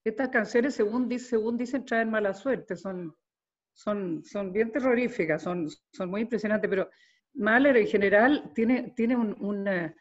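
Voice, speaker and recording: An older woman from Chile with a Chilean accent, a singer talking in a casual interview, animated and often repeating words as she gathers her thoughts. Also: medium pitch, unhurried. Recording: dull lo-fi sound.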